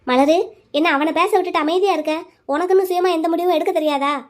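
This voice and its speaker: Cartoon matriarch, elderly and stern, nags fast and pushes her will; a woman voices her. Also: very high-pitched, fairly even intonation. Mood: scolding. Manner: insistent, scolding. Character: stern old grandmother, pushy matriarch. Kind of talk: cartoon storytelling.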